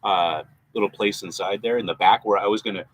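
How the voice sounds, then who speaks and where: A man, a photographer, co-hosting a casual chat and telling stories with lively laughter. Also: fairly low pitch, fairly quick, low-quality recording. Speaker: co-host, photographer.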